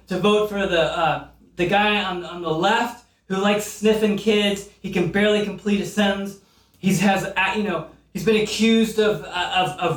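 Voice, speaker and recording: Middle-aged male comic host, high-pitched, profane and rambling, mock-serious, recorded in an echoey room. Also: a bit bright, recorded from a distance. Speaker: comedian host. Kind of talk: comedic monologue.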